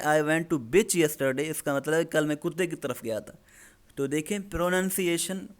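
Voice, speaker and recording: A man, explaining an English lesson step by step and slowing down on the English examples. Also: a little high, clean tone. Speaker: English teacher.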